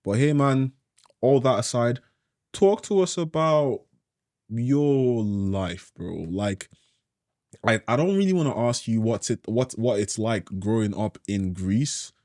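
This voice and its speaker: A young man from Nigeria hosting a podcast, chatting casually in a relaxed, slangy way and saying "bro" often. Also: medium pitch, slow pace, no room sound, studio quality. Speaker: podcast host. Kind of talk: casual chat.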